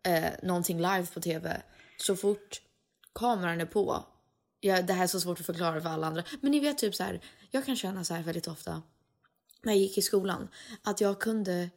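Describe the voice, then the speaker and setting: Podcast co-host, female, low with some vocal fry, casual chatter with English mixed in. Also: darkish tone. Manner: mixes in English phrases, chatty and advising. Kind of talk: casual chat.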